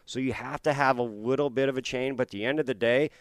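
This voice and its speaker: A man's voice: medium pitch, quick pace, no echo. A man giving casual baseball analysis as a show analyst.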